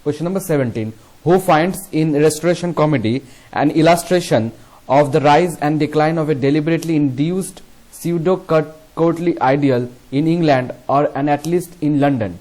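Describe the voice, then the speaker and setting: A young man with a Bengali accent, working through exam questions as a teacher. He moves between Bengali and English, reading each question slowly and then explaining in quick bursts. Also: fairly high pitch, darkish tone.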